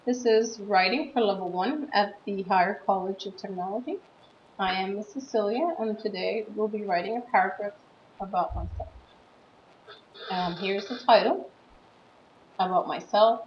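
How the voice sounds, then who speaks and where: Patient woman teacher in an echoey room. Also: medium pitch. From USA. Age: 30s. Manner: slow, patient explaining with stressed words. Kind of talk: classroom writing lesson. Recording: dull, roomy recording with faint background noise.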